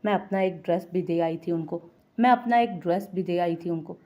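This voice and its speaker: Female narrator as a pouty young woman, easily offended, lower voice. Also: mellow, lightly acted. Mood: caring. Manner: sulky, quick to take offense.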